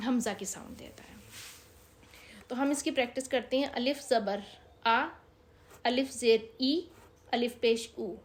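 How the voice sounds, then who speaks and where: A woman's voice: fairly high pitch, a little hiss or hum. A woman teaching a recorded reading lesson, explaining patiently with many hesitations.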